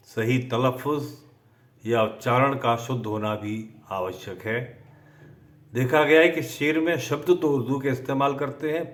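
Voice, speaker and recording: Slow, deliberate man teaching poetry. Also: mid-range voice. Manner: slow, careful dictation of word lists. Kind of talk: slow methodical lesson.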